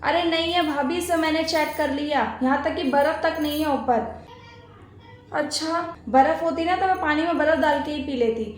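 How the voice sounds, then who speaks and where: A woman's voice: sits high, moderate pace, natural voice. A woman playing a demanding, bossy married sister-in-law who complains and gives orders, in a homemade family skit. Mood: complaining. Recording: echoey room.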